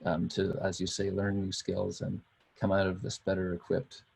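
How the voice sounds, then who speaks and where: A man's voice: low-pitched, completely flat delivery, moderate pace, gravelly, a little mellow, breathy edge. A man on a video call, agreeing and reflecting, with many hesitant uhs. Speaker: technical writer. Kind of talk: casual video call discussion.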